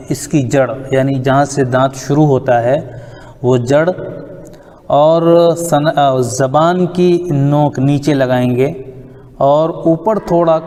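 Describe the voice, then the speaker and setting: A man teaching Quranic letter pronunciation, explaining calmly and repeating each letter slowly for practice. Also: a little high, big-room sound. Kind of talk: tajweed lesson on letter articulation.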